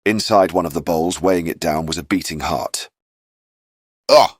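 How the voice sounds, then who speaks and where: Deep, husky male fantasy storyteller. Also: steady tone, a little fast, no echo, clean studio sound. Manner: storyteller with wry, chatty asides. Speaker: narrator. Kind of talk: scripted fantasy recap narration.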